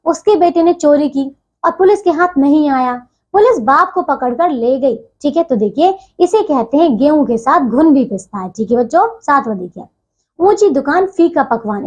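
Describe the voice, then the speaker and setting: Woman teacher w a high voice, patient, keeps repeating stuff for the kids. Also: muffled recording. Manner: explains patiently, repeats phrases, says "ठीक है" often. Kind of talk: textbook lesson for children.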